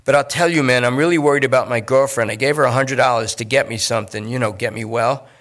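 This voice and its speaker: A man voicing a jittery, talkative male junkie who rambles and pleads in fast bursts. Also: mid-range voice, fairly bright tone, natural voice. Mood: pleading.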